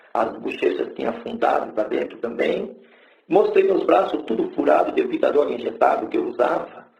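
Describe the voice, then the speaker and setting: A man's voice: medium pitch, vocal fry, darkish tone. A middle-aged man gives a testimony sermon in a church, telling his story in a colloquial, plain-spoken way. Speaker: preacher giving his testimony. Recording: echoey, dull lo-fi recording.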